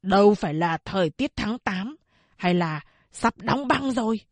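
A woman voicing a rough male soldier on guard who curses and grumbles. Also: mid-range voice, lively intonation, measured pace, no room sound. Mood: grumbling. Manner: gruff, cursing.

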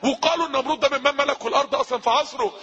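A man with an Egyptian accent preaching a sermon, impassioned, repeating phrases for emphasis and sometimes rising to shouts. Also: very high-pitched, steady tone, racing, highs cut off. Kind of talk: recorded sermon.

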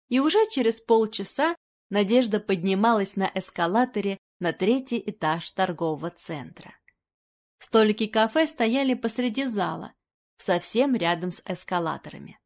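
A woman narrating an audiobook in a steady, expressive reading voice. Her pitch sits in an ordinary middle range, and she carries the story along evenly. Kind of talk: scripted narration.

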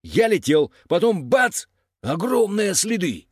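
A man voicing an excitable young male pterodactyl robot who talks in breathless, exaggerated bursts. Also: sits high, slow, breathy edge, no echo, clean studio sound, voice pushed up, full character voice. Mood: insistent.

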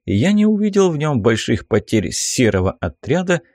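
A man reading a first-person fantasy novel aloud as an expressive audiobook narrator. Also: mid-range voice, moderate pace, no room sound, studio quality.

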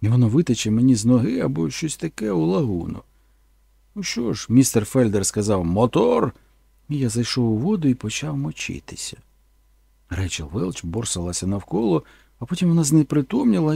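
A man narrates a first-person audiobook in a plain, earnest way. His voice is gravelly and husky with a dark tone, and his lively delivery sits in a dry, close recording. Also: medium pitch, brisk, no room sound.

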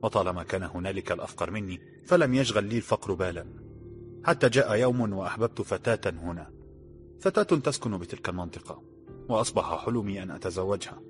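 A man voicing a calm, resigned poor man in his forties who speaks quietly. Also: deep voice, fast talker, faint music behind. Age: 40s.

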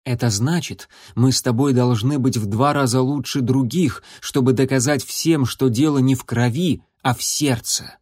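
A man voicing a serious young warrior tomcat who mentors a kitten, speaking in a grave, measured way. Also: medium pitch, a little mellow, husky, no room sound, studio quality, lightly acted. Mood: stern. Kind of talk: audiobook character voice.

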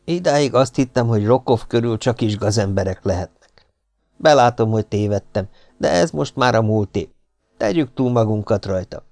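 A man's voice: fairly low pitch, animated, darkish tone, no room sound. A man voicing a grim, vengeful ape-man who speaks in a stern, cold, threatening way. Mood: apologetic.

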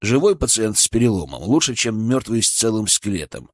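A man's voice: fairly low pitch, big pitch swings, brisk, dry recording, studio quality. A man reading a fantasy audiobook aloud in tense first-person narration. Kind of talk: scripted narration.

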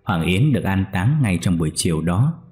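A man narrating a ghost story in a steady, somber storyteller style. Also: deep voice, moderate pace. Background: faint music.

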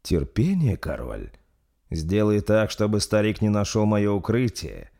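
Guy reading as an old vampire lord, slow, icy, bossy. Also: on the low side, sing-song, vocal fry, warm tone, heavily acted. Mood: cold commanding. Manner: slow, measured, menacing. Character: ancient vampire master, cold and commanding.

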